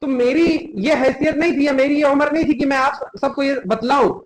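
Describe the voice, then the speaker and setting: Young man, very high voice, fervent sermon, scolding tone, quotes Arabic scripture. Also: steady tone, moderate pace, low-quality recording. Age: young adult. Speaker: preacher.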